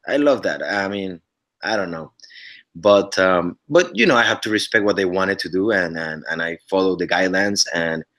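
This man's voice sits low and sounds animated and fairly bright at a normal speed. He's a Mexican actor in his thirties, a native Spanish speaker talking English with a Mexican Spanish accent. He's a guest in a casual interview over a webcam video call from his living room, speaking earnestly and often restarting his sentences.

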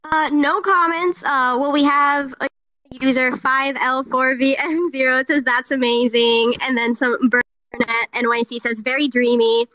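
A woman's voice: high voice, fairly even intonation, unhurried, pushed and bright, dry recording, poor audio. A woman co-hosting an online event, relaying comments from the chat in a casual, chatty way. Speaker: co-host reading chat comments. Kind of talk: casual live-stream chat.

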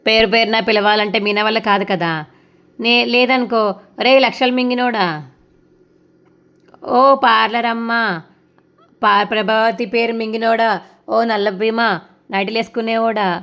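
A woman's voice: fairly high pitch, steady tone, unhurried, pauses often, fairly bright tone. A woman voicing a playful, mocking young man who teases his mother in a retold serial. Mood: teasing. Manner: teasing, sarcastic.

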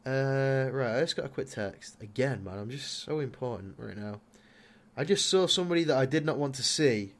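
A man's voice: mid-range voice, lively intonation, normal speed. Chatty young man playing a game. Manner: chatty, talks to his Sim, bursts into loud exclamations. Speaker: gaming YouTuber. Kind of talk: casual Let's Play commentary.

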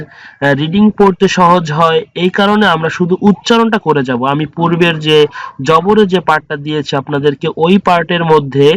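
A man teaching Quran reading, patiently spelling out letters and their vowel sounds one by one in a slow drill. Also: a little high, a bit bright, dry recording. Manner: patient, drawn-out letter-by-letter recitation.

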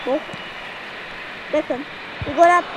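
A woman giving excitable let's-play commentary, shouting at the game and talking to her viewers. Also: sits high, slow pace, lo-fi sound, background noise. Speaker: gaming channel host.

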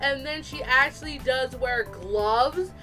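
Bright, high-voiced chatty woman vlogger. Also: takes it slowly. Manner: chatty, animated, self-deprecating. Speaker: artist and video host. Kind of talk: casual speed-drawing voice-over. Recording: fan blowing nearby, slightly distorted, music behind. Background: music and a fan running.

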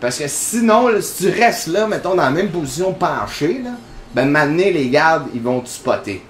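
A man's voice: on the high side, lively intonation, normal speed, echoey room, a little hiss or hum. A man with a Quebec French accent, hosting casual gameplay commentary in a chatty, rambling way full of fillers. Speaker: gaming channel host.

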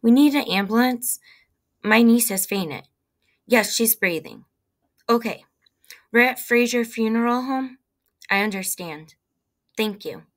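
A woman's voice: mid-range voice, brisk, few pauses, fairly bright tone, close to an everyday voice. Woman voicing Henry, a tense anxious uncle. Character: anxious middle-aged uncle on an emergency call.

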